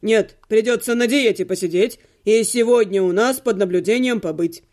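A woman's voice: mid-range voice, normal speed, a little mellow, pitched below the performer's own voice, natural voice. A woman voicing a tired, grumbling male healer in an audiobook. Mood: weary. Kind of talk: audiobook character voice.

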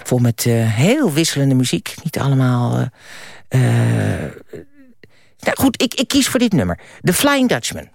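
A late-night radio host chatting casually with callers, lively and full of fillers. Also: medium pitch, a little slow, gravelly. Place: radio studio.

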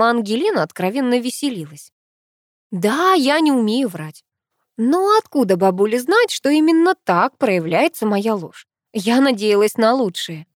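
Expressive female audiobook narrator. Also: mid-range voice, no room sound, clean studio sound. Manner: expressive first-person reading. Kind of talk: scripted narration.

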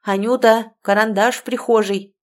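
A woman reading as a loud, gruff village man. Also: mid-range voice, moderate pace, close to an everyday voice. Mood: shouting orders. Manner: barking, blustering.

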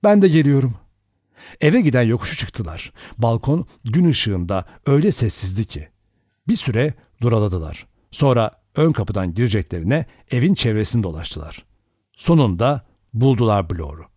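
A man narrating a novel aloud in a measured, expressive way. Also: on the low side, husky, dry recording, clean studio sound. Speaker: audiobook narrator. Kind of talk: scripted storybook narration.

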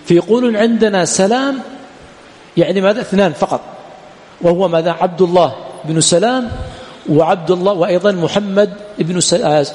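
High-voiced man lecturing in a hall. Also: darkish tone. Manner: quizzes students with repeated "what?" prompts. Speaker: Islamic studies teacher. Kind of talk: classroom lecture on hadith sciences. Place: lecture hall at a study center.

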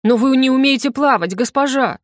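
A fussy, imploring middle-aged serving woman, as a woman reader puts her on. She talks quickly and urgently. The audiobook is recorded close and dry. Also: sits high, no room sound, voice pushed up, natural voice. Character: fussy quick fifty-year-old woman servant. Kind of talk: audiobook character voice.

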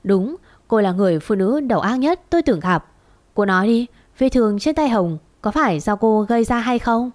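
A woman's voice: fairly high pitch, expressive, moderate pace, darkish tone, close to an everyday voice. A woman voicing an angry young master of the house, harsh and scolding, in a storybook reading. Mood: scornful.

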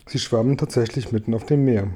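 Husky dark-voiced male storyteller. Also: medium pitch, a little fast. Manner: lively expressive reading. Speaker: audiobook reader. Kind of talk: children's storybook narration.

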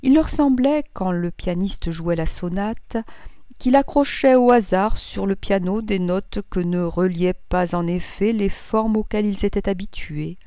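A woman narrating a classic novel in a measured, even reading voice. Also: fairly low pitch, no room sound. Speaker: audiobook reader.

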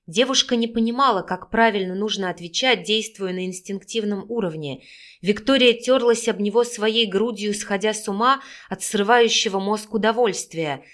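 A woman narrates a romance audiobook in an expressive, steady reading voice. Her pitch sits in a middle range for a woman. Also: normal speed. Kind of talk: scripted narration of a romance novel.

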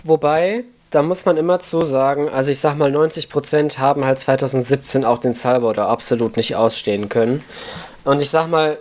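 A man co-hosting a chat podcast, frank and opinionated as he talks. His voice sits at a middle pitch, and his delivery is relaxed and conversational. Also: fairly quick. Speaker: podcast co-host. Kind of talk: casual chat.

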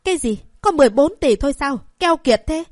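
A woman's voice: mid-range voice, big pitch swings, normal speed, dry recording, clean studio sound, lightly acted. A woman voicing a greedy, domineering middle-aged mother in an audiobook, scolding and wailing melodramatically. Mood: indignant. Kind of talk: audiobook character voice.

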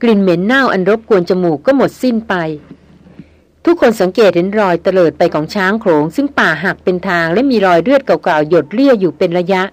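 A woman narrates a novel in a steady, even storytelling voice at a middle pitch. The recording is dry, with no room sound around her. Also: fairly quick, no echo. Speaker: audiobook narrator. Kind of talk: scripted narration.

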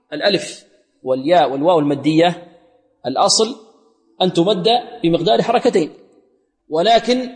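High-voiced man teaching in an echoey hall. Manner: quizzes listeners then answers himself; slowly repeats words to model pronunciation. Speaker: Quran recitation teacher. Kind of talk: recitation lesson.

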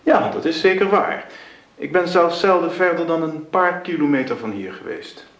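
A man's voice: on the high side, expressive, gravelly, fairly bright tone. Haughty, sardonic man, old radio show. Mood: cool, mocking. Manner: theatrical, mocking, deliberate phrasing. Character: sardonic, haughty wealthy brother with a biting wit. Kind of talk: old Dutch radio drama acting. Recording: roomy old radio drama recording.

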